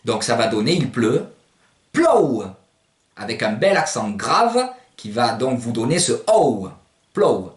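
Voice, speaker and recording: A man's voice: mid-range voice, big pitch swings, moderate pace, few pauses. A man giving a recorded language lesson, explaining words patiently and spelling them out letter by letter. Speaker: language teacher. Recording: roomy, distant from the mic.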